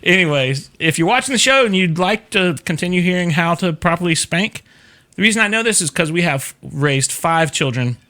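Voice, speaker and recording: A man's voice: high voice, animated, moderate pace, sharp tone. A middle-aged man hosting an advice show, explaining in a casual, conversational way and often checking that listeners follow.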